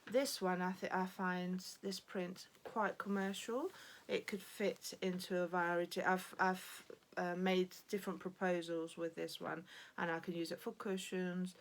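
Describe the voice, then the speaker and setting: Hesitant woman presenting, slow. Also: fairly low pitch, steady tone. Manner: hesitant, many fillers and restarts. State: a bit out of breath. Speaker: design student presenting her work. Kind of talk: informal spoken presentation.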